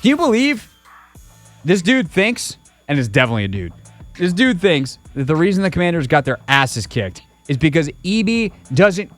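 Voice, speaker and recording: A male sports radio host in casual chat, reading listener comments and mocking them. His voice sits fairly high. Faint music plays underneath. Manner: sarcastic, mocking.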